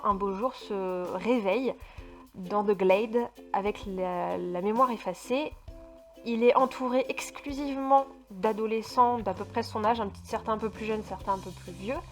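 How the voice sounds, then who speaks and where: A woman from France talks through her recent reads in a loose, casual vlog voice. She trips over her words and restarts often, filling gaps with little hesitations, and gets emphatic whenever she describes how a book made her feel. Faint music plays underneath. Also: mid-range voice. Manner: stumbling, restarts often, many fillers; expressive, emphatic about feelings. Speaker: book vlogger. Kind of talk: casual book review chat.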